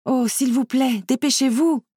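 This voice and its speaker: A woman voicing a gentle, kind young princess in a storybook reading, soft but urgent. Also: fairly low pitch, brisk, no room sound, clean studio sound, natural voice.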